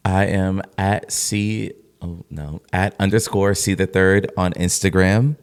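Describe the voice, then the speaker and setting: A relaxed man co-hosting a casual podcast, easygoing in tone. He talks loosely, circling back and restarting his thoughts as he goes. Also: low-pitched, takes it slowly, smooth. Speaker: podcast co-host.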